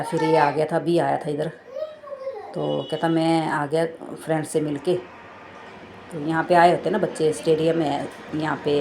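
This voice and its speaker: Woman in her thirties, low gravelly voice, casual family vlog over noisy outdoor phone audio. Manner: chatty, retells conversations with her children. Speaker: vlogger. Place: outdoor play area with rides.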